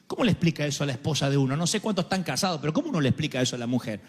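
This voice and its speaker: Pastor, high voice, lively dramatic sermon in a big echoing hall with soft music. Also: male voice, racing. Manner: dramatic, acts out quoted voices, humorous asides. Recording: live hall with long reverb, faint music.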